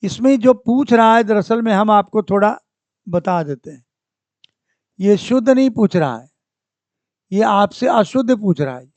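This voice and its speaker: Slow, repetitive male Hindi teacher. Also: high-pitched, lively intonation, a little mellow, no echo. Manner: slow and repetitive, saying each word several times and correcting it; clears his throat often. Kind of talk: exam-prep lesson, working through spelling questions.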